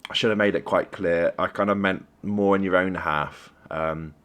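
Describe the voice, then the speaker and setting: Low-voiced coach reviewing a replay. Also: male voice, steady tone, normal speed, a bit bright. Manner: encouraging, conversational, praises plays. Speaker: esports coach. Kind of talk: video game replay review commentary.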